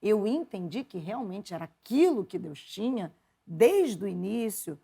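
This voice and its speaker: A Brazilian woman, a journalist and preacher, telling stories from her upbringing in an interview, lively and quick to laugh. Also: medium pitch, creaky, slightly rough. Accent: Brazilian Portuguese. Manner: lively, laughs often, quotes her mother in animated voices. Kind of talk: conversational interview storytelling.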